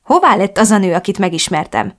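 A woman's voice: mid-range voice, very animated. A woman reading a first-person novel as an audiobook, with a melancholic and emotional storytelling manner. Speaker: audiobook narrator.

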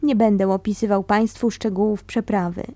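A woman reading a memoir aloud, telling it in a calm, steady way. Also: medium pitch, normal speed, no room sound. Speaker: reader of a memoir.

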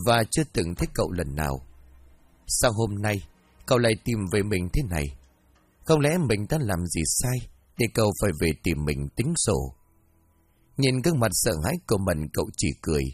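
Husky expressive male storyteller. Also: lowish voice, no echo. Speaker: narrator. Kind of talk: scripted audiobook narration.

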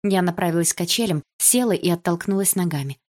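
A woman narrating a first-person novel with an expressive, emotional reading. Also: lowish voice, quick pace. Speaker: audiobook reader.

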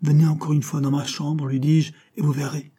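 A man reading a proud, fierce young governess, a woman, in an audiobook, with sharp, defiant retorts. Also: on the high side, little pitch movement, moderate pace, husky, voice pushed up.

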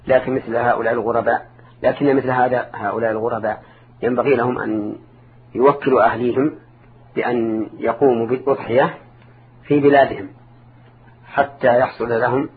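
A man's voice: medium pitch, steady tone, a little fast, pauses often. An older man giving religious counsel in formal Arabic as a scholar, didactic, repeating and rephrasing for emphasis. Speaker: Islamic scholar answering listeners' questions. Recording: narrow phone-like band, clear background noise.

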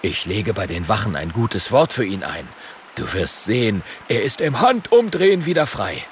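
An actor playing a self-assured merchant in a storybook audio play, speaking confidently with a touch of boastfulness. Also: male voice, lowish voice, very animated, moderate pace, a little hiss or hum.

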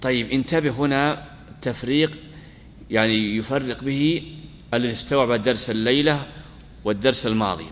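A middle-aged man teaching a grammar lesson to students, asking them questions, repeating key words and stressing examples loudly. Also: medium pitch, moderate pace, long pauses, a little hiss or hum. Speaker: sheikh teaching Arabic grammar. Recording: long reverb of a lecture hall.

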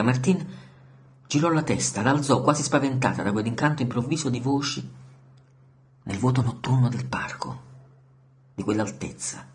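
Soft-spoken male audiobook narrator. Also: mid-range voice. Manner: measured, soft, dropping to near whispers. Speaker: audiobook reader. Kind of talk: scripted literary narration.

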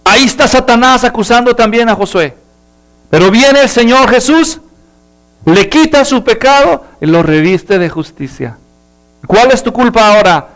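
A male pastor, preaching and telling a story in an animated way. His voice sits high for a man. Soft music plays quietly beneath him. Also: normal speed. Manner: animated, acts out characters. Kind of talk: sermon with storytelling.

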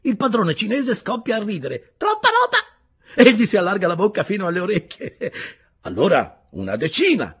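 A man's voice: high voice, wildly swooping pitch, normal speed, breathy edge, voice pushed up, full character voice. A man doing a chuckling prisoner spinning a yarn. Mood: amused. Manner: whispering loudly, chuckling storyteller. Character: male Siberian prisoner telling a funny memory.

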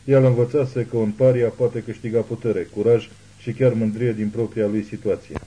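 A man narrating an audiobook thriller in a measured, ominous reading. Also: lowish voice, fairly even intonation, mellow, breathy edge, highs cut off. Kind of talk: scripted narration.

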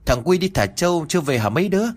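A man's voice: on the high side, lively intonation, rapid-fire, voice pushed up. A man voicing an anxious old grandmother in a spoken ghost story, calling for her missing son. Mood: worried. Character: worried old grandmother, mother of many.

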